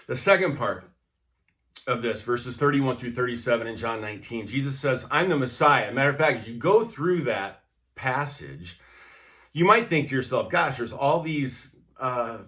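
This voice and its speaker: A man's voice: mid-range voice, animated, normal speed, a bit bright. A man from the United States giving a conversational devotional sermon, emphatic and direct, often checking in with the listener. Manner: conversational, emphatic, with repeated tag questions. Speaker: pastor.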